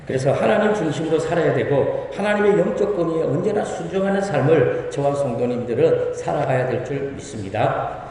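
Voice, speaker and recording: Male pastor, sermon delivery, warm tone, long hall reverb. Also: on the high side, lively intonation, fairly quick, a little hiss or hum. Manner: preaching with rhetorical questions and mimicked quotes. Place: church sanctuary. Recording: echoey church hall.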